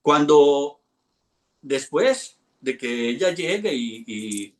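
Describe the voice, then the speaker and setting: A man, an instructor telling a lively anecdote to a class and acting out the voices in it. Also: mid-range voice, drawn-out words, reverberant. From Colombia. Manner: animated storyteller, acts out quoted voices. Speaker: hypnosis instructor.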